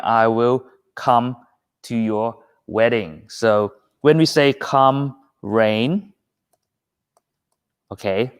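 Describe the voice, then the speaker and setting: A man with a Thai accent teaching English in a live-streamed quiz lesson, patient and unhurried as he reads out viewer comments. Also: medium pitch. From Thailand.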